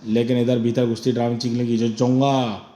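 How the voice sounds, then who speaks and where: A man's voice: medium pitch, level tone, normal speed, warm tone. A man narrating a horror comic with dramatic emphasis.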